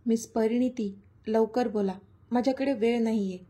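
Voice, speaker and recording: A woman's voice: fairly high pitch, fairly even intonation, normal speed, dark tone, slightly rough. A woman reading a tender young lover in a storybook. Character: young man, lovestruck and teasing hero.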